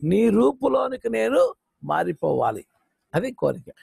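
Pastor guy preaching hard on a video call, gravelly husky voice, pretty high pitched. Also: sing-song, measured pace, a little mellow, dry recording. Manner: fervent preaching, acts out Bible dialogue, sings a worship song. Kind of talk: sermon over a video call.

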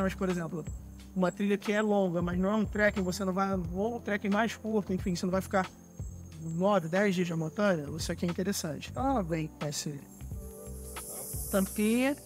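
A Brazilian man in his thirties, a barista, explaining his trail coffee gear in a relaxed, hands-on way outdoors in a forest. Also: high voice. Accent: Brazilian Portuguese. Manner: relaxed, explanatory, handles gear while talking. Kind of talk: casual outdoor demonstration.

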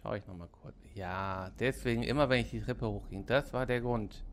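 A man's voice: fairly low pitch, normal speed, slight background noise. A man hosting a let's play, casually commenting on his game as he goes. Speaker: gaming let's play host.

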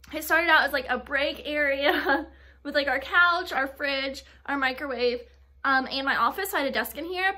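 A woman's voice: sits high, sharp tone. A woman in her twenties, a small business owner, chatting casually to her phone camera with lots of "like" and "um", first in a car and then in a small warehouse office. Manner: chatty, filler-heavy, frequent "like" and "um". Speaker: gift box business owner. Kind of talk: casual vlog chat. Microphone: phone camera held at arm's length.

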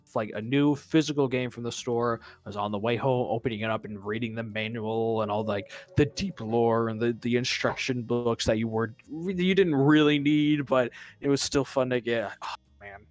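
A man's voice: mid-range voice, normal speed, soft background music. A man in his twenties co-commentating a fighting game stream, chatting casually with a joking, playful manner. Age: 20s.

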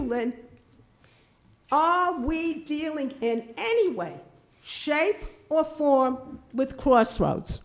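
An older woman giving an indignant, emphatic public comment at a town board meeting, speaking into a podium microphone in a meeting room. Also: high voice. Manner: indignant, emphatic, repeats herself. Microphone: podium microphone, filmed from a distant camera.

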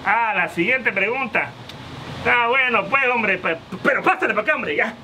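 Man putting on a squeaky, sharp-toned comic superhero: crude, mocking, fan Q&A vlog. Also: expressive, moderate pace, slight background noise, exaggerated voice. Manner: crude, mocking, full of insults and slang. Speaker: host of a question-and-answer vlog. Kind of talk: comedic vlog answering fan questions. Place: outdoors at a hotel by a river.

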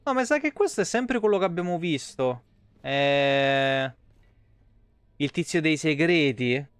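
A man with a voice on the high side streams a video game, giving blunt, wry, sweary live commentary in a casual way. There's no room sound in the recording.

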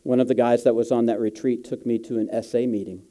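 Man with a very dark voice preaching. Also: mid-range voice, flat delivery, quick pace. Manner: casual, slangy personal storytelling. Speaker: guest pastor. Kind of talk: sermon.

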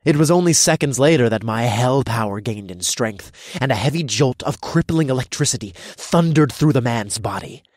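A man narrating an audiobook in the first person, with a dark, gloating storytelling manner. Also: mid-range voice, animated, normal speed, few pauses, no echo, studio quality.

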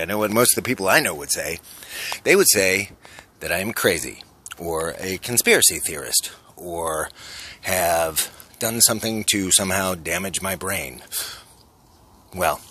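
A man's voice: deep voice, lively intonation, a little slow, bright, forceful tone, slightly rough. A man in his forties vlogging to a phone held at arm's length on a city street at night, earnest and urgent, posing rhetorical questions. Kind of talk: selfie street vlog monologue.

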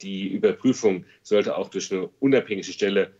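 A man in his fifties speaks as a politician on a panel, his low voice husky and slightly rough. He hesitates often with fillers, then pushes his points with growing insistence. The recording sounds dull and muffled. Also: moderate pace, dark tone. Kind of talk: panel discussion statement.

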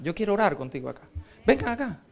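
A male guest pastor preaches with passion in a church, his voice sitting high for a man. He hammers home short repeated lines and acts out the people in his stories. He winds down into an earnest invitation for people to come forward. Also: sing-song, quick pace, creaky. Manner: impassioned preaching with repeated refrains, acting out dialogue in anecdotes. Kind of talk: evangelistic sermon with an altar call. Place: church sanctuary.

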